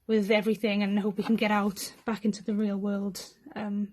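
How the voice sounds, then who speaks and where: A woman's voice: mid-range voice, little pitch movement, brisk, darkish tone. A woman poet with a Rhondda accent from the South Wales Valleys, reading poems and chatting between them in an understated, self-deprecating way. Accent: Welsh Valleys (Rhondda). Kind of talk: poetry reading with informal asides.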